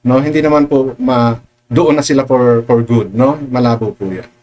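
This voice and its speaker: Lalaking vlogger na nagkokomentaryo at nagbabasa ng mga komento, maraming "ah" at "no" at may halong Ingles, mahinahon ang tono. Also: male voice, mid-range voice, moderate pace. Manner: hesitant with many fillers, mixing English into Tagalog; calm, reassuring to viewers. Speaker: commentary vlogger. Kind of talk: casual commentary reading viewer comments.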